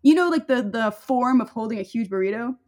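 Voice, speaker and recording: A woman's voice: on the high side, animated, fairly quick, darkish tone. A young adult woman telling a personal story in casual chat, rambling with many fillers and breaking off into laughter.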